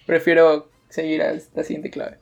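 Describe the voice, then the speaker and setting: A man's voice: fairly high pitch, monotone, a little slow, creaky, lo-fi sound. Young man reading out tips and joking. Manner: crude, joking, laughs between reads. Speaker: podcast co-host. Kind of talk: casual joking chat, reading out news tips.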